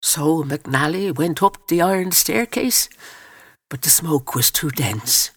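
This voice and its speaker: A man reading a story aloud in solemn, measured scripted narration. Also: on the high side, expressive, fairly bright tone, slightly rough, dry recording, clean studio sound.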